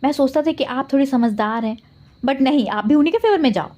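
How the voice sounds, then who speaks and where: A woman's voice: sits high, fairly quick, a little mellow, close to an everyday voice. A woman voicing a cheeky, playful ten-year-old boy who whines and teases. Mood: teasing. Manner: whiny, teasing.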